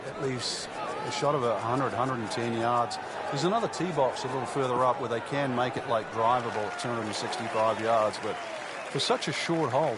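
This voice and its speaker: A man playing a conversational golf analyst, explaining shots and course strategy as co-commentator in a sports video game, over loud crowd noise. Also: medium pitch, close to an everyday voice. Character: conversational male golf expert analyst in the booth.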